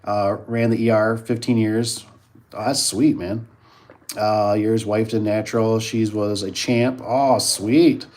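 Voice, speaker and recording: A man's voice: fairly low pitch, fairly even intonation, takes it slowly, darkish tone. Easygoing rambling male streamer. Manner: rambling, repeats himself, easygoing. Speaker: host of a live stream. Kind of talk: casual chat, reacting to viewers.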